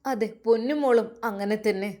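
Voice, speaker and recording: Give me a woman storyteller with a higher voice, narrating with emotion. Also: normal speed, dark tone. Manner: emotional, emphatic.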